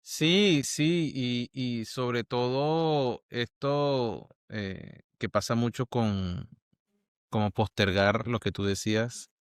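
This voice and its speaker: A man's voice: medium pitch, slow, clean tone, no room sound. A man hosting a podcast interview, thinking aloud hesitantly as he asks his questions. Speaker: podcast host. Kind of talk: conversational interview.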